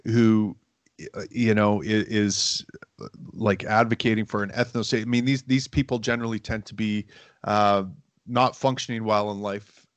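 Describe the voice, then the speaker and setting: Middle-aged male podcast host, low voice, rambling conversational delivery, dry sound. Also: steady tone, normal speed, no room sound. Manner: rambling, many restarts and fillers. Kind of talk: casual interview chat.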